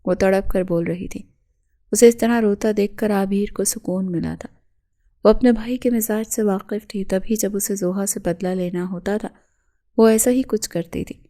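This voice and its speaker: A woman's voice: medium pitch, fairly even intonation, mellow. A woman narrating a romance novel aloud in a dramatic, emotive reading.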